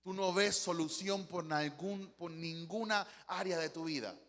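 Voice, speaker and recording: A male pastor with a Panamanian Spanish accent delivers an impassioned sermon in a high, bright, forceful voice. He acts out little quoted exchanges as he preaches. His voice rings through a hall with a long reverb. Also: unhurried.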